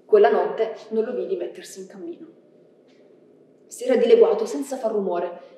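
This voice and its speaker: A woman giving a hushed, measured dramatic reading of a story on a theatre stage. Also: mid-range voice. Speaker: stage reader. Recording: echoey theatre from far off.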